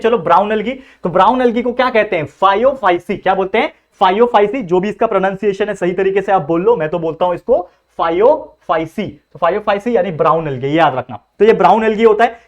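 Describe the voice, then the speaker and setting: Young male tutor, brisk and high-pitched, lecturing and answering his own questions. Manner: asks rhetorical questions and answers them himself; mixes English terms into Hindi explanations. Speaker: biology tutor. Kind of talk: classroom lecture.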